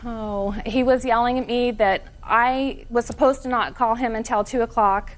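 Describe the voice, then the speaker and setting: A woman's voice: on the high side, steady tone, normal speed. A woman testifying as plaintiff in court, telling her side in an earnest, detailed, somewhat defensive way.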